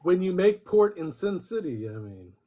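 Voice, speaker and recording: A man bantering in pirate character on a group voice call, tossing out quick quips. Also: sits high, big pitch swings, a crowd in the background.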